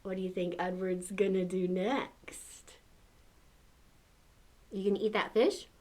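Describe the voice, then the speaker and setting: A woman's voice: mid-range voice, fairly even intonation, slow, mellow. An older woman with a grandmotherly manner reads a children's story aloud, coaxing and encouraging with playful asides.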